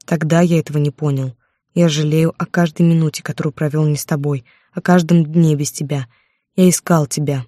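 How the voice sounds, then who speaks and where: A woman's voice: fairly even intonation, a little fast, mellow, dry recording, clean studio sound. A woman reading a blunt, remorseful lover. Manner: curt, low-voiced. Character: remorseful adult man, lover, quiet and blunt.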